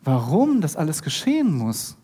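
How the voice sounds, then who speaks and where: A preacher retelling a Bible story in a lively sermon, acting out the characters and speaking straight to the listener. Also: mid-range voice, normal speed, slightly rough. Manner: animated, acts out the characters and talks straight to the listener.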